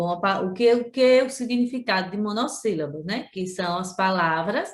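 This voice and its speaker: Slow Brazilian woman teacher, echoey room. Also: mid-range voice. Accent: Brazilian Portuguese, Sergipe. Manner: slow, drawn-out syllables when pronouncing example words; addresses pupils directly, repeats points. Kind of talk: remote class lesson.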